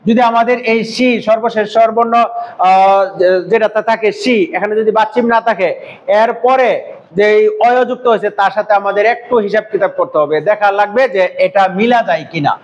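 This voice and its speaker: A man's voice: high voice, brisk, dull audio. A man teaching a grammar lesson to a classroom, drilling students with repeated questions and example sentences. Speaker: Korean language teacher.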